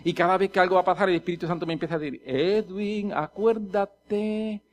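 Preacher, male, high pitch, dramatic sermon that swings between quiet and loud. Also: steady tone, rapid-fire. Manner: swings from hushed, intimate delivery to loud dramatic outbursts; acts out scenes with voices and sound effects.

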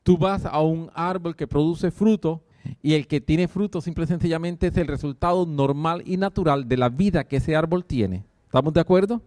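A male pastor preaching a sermon, swinging between high and low, calling out to his congregation. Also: normal speed, a little mellow, no room sound, clean studio sound. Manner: calls out to the congregation.

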